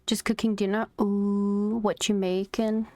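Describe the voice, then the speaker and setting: Over faint game music, a young adult woman chats and reacts playfully, giggling as she streams a game. Her voice is mid-range and darkish, with little pitch movement and a measured pace, recorded with no room sound.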